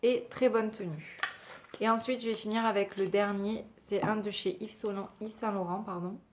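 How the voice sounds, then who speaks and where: A woman's voice: mid-range voice, steady tone, moderate pace, noisy background. A woman talking casually as a beauty vlogger, chatty and hesitant with many fillers. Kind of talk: casual product review.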